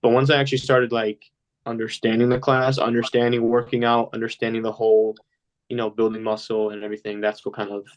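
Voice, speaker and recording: A young adult male podcast guest who grew up in a Polish-speaking household chats in a loose, rambling way during a casual interview, leaning heavily on fillers. His medium-pitched voice is fast and shows little pitch movement.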